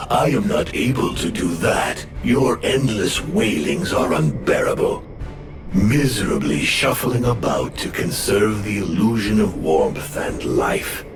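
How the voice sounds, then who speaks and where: A man voicing a pitiless, possessed demon in a video game, speaking through its host with menacing, archaic grandeur. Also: deep voice. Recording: echoing game audio under loud music.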